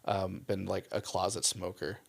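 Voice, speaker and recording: A young man, a missionary guest, telling his story in a casual interview, animated and full of "like" and "um". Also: low-pitched, normal speed, vocal fry. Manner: animated storyteller, acts out quotes, frequent "like" and "um".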